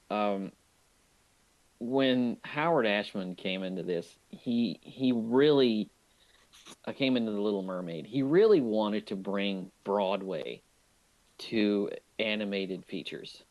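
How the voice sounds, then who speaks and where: Man, low voice, casual film chat, enthusiastic, rambling podcast co-host. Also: expressive, slow, darkish tone, low-quality recording.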